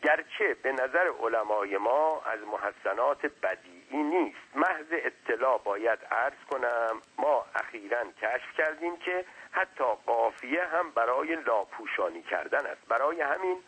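A man's voice: mid-range voice, animated, fairly bright tone, husky, pitched above the performer's own voice, low-quality recording. A man voicing a small, talkative non-human servant who speaks deferentially and lectures at length. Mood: lecturing.

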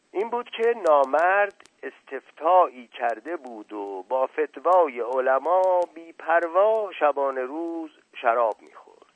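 A man reading a classical story aloud in a measured, formal storytelling manner. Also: mid-range voice, no room sound. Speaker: narrator. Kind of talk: scripted narration. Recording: tinny, dry, phone-like old radio.

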